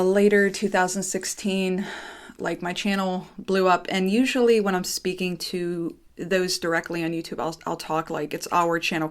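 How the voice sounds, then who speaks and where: A young American woman talking casually and informally to her viewers, nervous and dry-mouthed, rambling and drifting off topic. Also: on the low side. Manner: rambling, often breaking off and going off topic; informal, swearing. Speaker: YouTube creator. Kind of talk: casual personal monologue to viewers.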